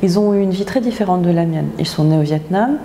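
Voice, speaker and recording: A woman from France, an author, speaking thoughtfully in an interview, pausing often with filler sounds. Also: fairly low pitch, warm tone, slight background noise. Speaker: author in residence. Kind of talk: reflective interview talk. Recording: echoey hall with faint ambience.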